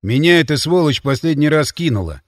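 A male narrator voicing a cynical, seasoned mercenary with a low, slow drawl. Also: animated, dry recording, clean studio sound. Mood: sardonic. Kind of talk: audiobook character voice.

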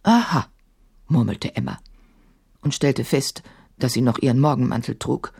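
A woman narrating a children's story with an expressive, playful reading. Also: rumbling low, normal speed, vocal fry, slightly rough.

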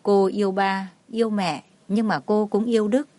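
A woman tells a dramatic story in an even storytelling voice. Her voice sits at a middle pitch. It is recorded close and dry, with no room sound. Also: normal speed, no echo. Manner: reads all the figures herself, barely changing her voice. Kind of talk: scripted narration.

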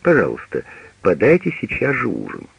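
A man's voice: fairly low pitch, wildly swooping pitch, moderate pace, creaky, slight background noise, full character voice. A man voicing a strict elderly mother who lectures her grown son in a reproachful tone, on a dull radio recording. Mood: curt.

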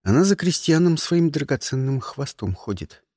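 Male audiobook narrator, wry and lively, slightly husky, dry sound. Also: on the high side, moderate pace, dry recording. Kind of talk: first-person narration.

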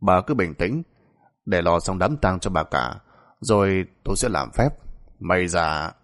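A man voicing a solemn old male exorcist who speaks slowly and gravely in a spoken folk tale. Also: low voice, lively intonation, a bit bright. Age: older.

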